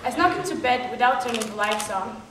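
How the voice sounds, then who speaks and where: A woman's voice: on the high side, expressive, brisk, lightly acted. A young woman performing a stage monologue with earnest, confessional telling. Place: stage in a hall. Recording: roomy hall from far off, faint noise.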